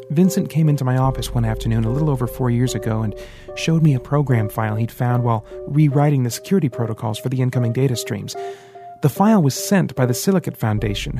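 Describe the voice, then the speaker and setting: A man reads an audiobook in steady, scripted storytelling. His pitch sits in the ordinary middle range, and soft music runs faintly behind him. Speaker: audiobook narrator. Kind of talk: scripted narration.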